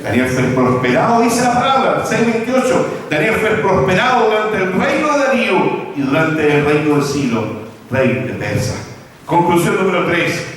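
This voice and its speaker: A man preaching a sermon as pastor, his voice sweeping up and down in pitch. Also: sing-song, normal speed, crowd noise. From Chile. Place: large church hall. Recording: echoey church hall, mic far off.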